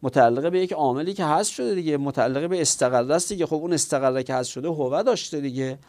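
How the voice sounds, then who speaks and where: A man with a somewhat high voice gives a classroom grammar lecture. He works through each point step by step, poses rhetorical questions and answers them himself, and turns to his students with instructions. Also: darkish tone. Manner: addresses students directly. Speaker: teacher.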